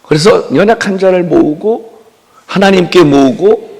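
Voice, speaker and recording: Gravelly man preaching a revival sermon. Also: high voice, unhurried, a little mellow. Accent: Korean. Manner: call-and-response preaching with mimicry. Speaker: pastor. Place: church sanctuary. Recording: long reverb of a church hall.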